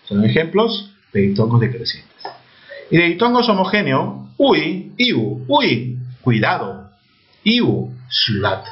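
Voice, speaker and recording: A man with a Peruvian Spanish accent, teaching a class. He asks questions and answers them himself, and spells out letters slowly. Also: mid-range voice. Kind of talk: classroom lecture. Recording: dull lo-fi sound.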